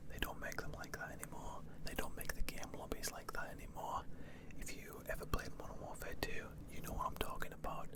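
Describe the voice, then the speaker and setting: An ASMR creator from the UK answering viewer questions in a breathy, unvoiced whisper, chatty, playful and self-deprecating. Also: brisk, few pauses. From United Kingdom.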